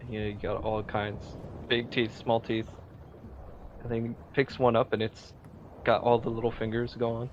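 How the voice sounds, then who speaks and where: A man acts as game master in a casual tabletop session, narrating and fielding players. His mid-pitched voice sits in a dull recording with faint noise. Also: level tone, a little slow.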